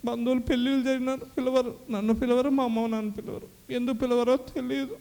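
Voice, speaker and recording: A man's voice: very high voice, level tone, quick pace, warm tone. A young man giving an emotional church testimony, acting out the dialogue he recalls. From Kadapa, Andhra Pradesh. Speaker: testimony giver.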